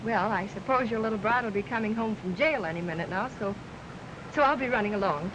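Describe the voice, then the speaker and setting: A woman's voice: mid-range voice, fast, close to an everyday voice. A woman playing a wry, kindly friend. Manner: wry, hesitant, soft. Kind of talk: 1930s film acting. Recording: distant, hissy 1930s film sound.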